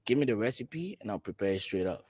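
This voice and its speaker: A man's voice: on the low side, expressive, fast talker, darkish tone, slightly rough, dry recording. A man from Liberia, a dating show contestant, giving eager, rambling answers in casual chat.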